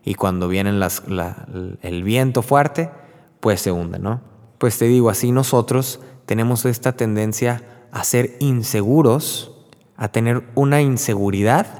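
A man with a Mexican accent giving an informal Bible reflection, telling the story in a lively, conversational way with many fillers. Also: fairly low pitch, a little slow. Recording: long hall reverb.

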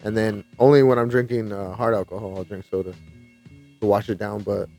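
A man's voice: fairly low pitch, fairly even intonation, fairly quick, vocal fry, a little mellow, soft background music. A man co-hosting a podcast in casual chat, with easygoing, joking banter. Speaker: podcast co-host.

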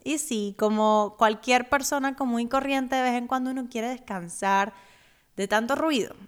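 A young Cuban woman hosts her own finance podcast, sharing her story in an upbeat, personal way. Her voice is on the high side, clear and resonant, at a moderate pace.

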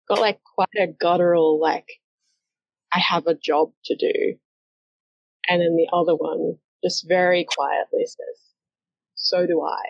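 A woman's voice: fairly low pitch, vocal fry, darkish tone, no room sound. A woman game master narrating a collaborative comic story game in a chatty, hesitant way with lots of fillers. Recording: dull, lo-fi and dry.

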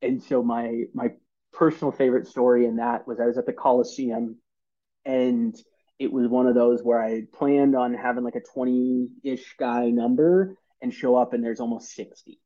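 A man in his thirties tells stories as a podcast guest, earnest and halting, often restarting his sentences. His voice is mellow and relaxed. The audio sounds a little dull and lo-fi. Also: mid-range voice. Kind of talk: casual storytelling interview.

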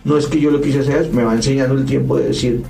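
Man, mellow voice, echoey off-mic. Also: mid-range voice, fairly even intonation, fast talker, gravelly, recorded from a distance. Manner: enthusiastic, repeats himself and restarts. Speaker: event organizer guest. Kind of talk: casual podcast chat. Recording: echoey room, off-mic, faint music.

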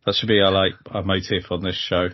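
A man hosting a podcast, talking in a relaxed way with lots of pauses and fillers. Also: low voice, lo-fi sound. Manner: relaxed, laughing, hesitant with fillers. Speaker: podcast host. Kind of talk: casual podcast chat.

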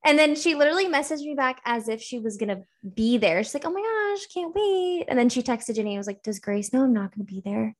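A woman in her twenties in casual chat, chiming in with quick, upbeat reactions. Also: high-pitched, very animated.

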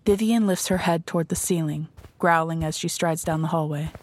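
A woman's voice: low voice, darkish tone, no echo. Dry, close-miked woman narrator. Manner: measured, descriptive storytelling. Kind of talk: scripted narration.

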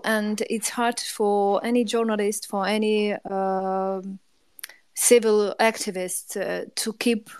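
A woman's voice: medium pitch, a little mellow, dry recording. A woman, speaking informally and hesitantly in in an online discussion. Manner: hesitant, non-native English with restarts. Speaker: panel participant.

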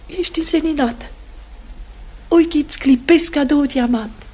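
A woman's voice: sits high, mellow, lightly acted. An actress playing a sentimental aristocratic mother who is bidding farewell to her family home, in a radio play. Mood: wistful. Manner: wistful, tender, sentimental. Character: Lyubov Ranevskaya, a wistful aristocratic mother. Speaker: radio drama actor.

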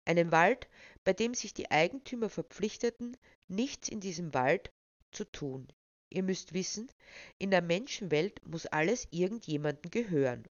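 A woman reads a children's story aloud with expressive storytelling. Her voice sits fairly low. The recording is dry and slightly muffled. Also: normal speed, no room sound.

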